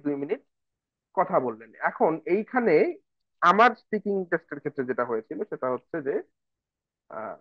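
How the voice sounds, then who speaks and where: A man's voice: fairly high pitch, dry recording, narrow, tinny audio. A man teaching an online IELTS speaking class, explaining patiently and slipping into English phrases. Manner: explanatory, addresses viewers as brother and sister, switches into English phrases. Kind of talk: online lesson mixing Bengali and English.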